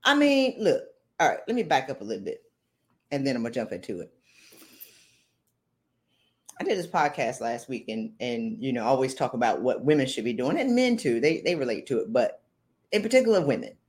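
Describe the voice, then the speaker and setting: A woman's voice: very deep voice, sing-song, brisk, pauses often, a little mellow. A middle-aged woman giving an informal, direct motivational talk in a blunt, emphatic way, repeating phrases to drive them home. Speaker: motivational speaker and podcaster.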